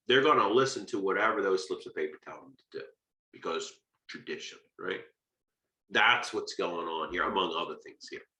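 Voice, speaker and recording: An American man with a lowish, pushed, bright voice gives an informal literature lecture as a lecturer and video host. He's conversational and emphatic, checking his points with short rhetorical questions, and the recording is rough with an echoey room.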